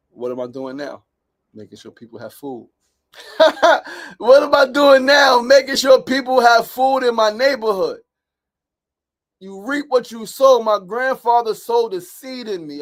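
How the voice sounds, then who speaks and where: A man hosts a motivational livestream. His voice sits high for a man. He preaches emphatically and circles back to the same rhetorical questions. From South Jamaica, Queens, New York. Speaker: show host. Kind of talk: motivational livestream talk, reading viewer comments.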